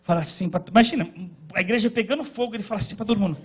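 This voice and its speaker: Alternating between shouting and soft storytelling, a pastor delivers a sermon at church in a high, husky voice at a very fast clip. He is from Northeast Brazil and carries that region's accent.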